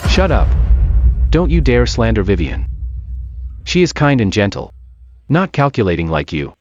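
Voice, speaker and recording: A man's voice: lowish voice, big pitch swings, moderate pace, darkish tone, no room sound, muffled recording. A man dubbing a hot-headed young man in a drama, harsh and accusing. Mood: furious. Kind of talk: English drama dub.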